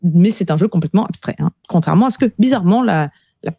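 A woman's voice: on the low side, animated, quick pace, vocal fry, warm tone, husky, no echo, clean studio sound. A woman co-hosting a casual podcast chat about board game news, talking freely with many hesitant fillers. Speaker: podcast co-host.

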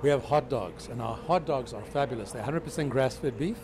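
A man's voice: mid-range voice, normal speed, noisy background. A man in his fifties, a restaurant owner, talking up his food with upbeat enthusiasm in a small restaurant. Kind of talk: casual interview. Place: small restaurant with street noise.

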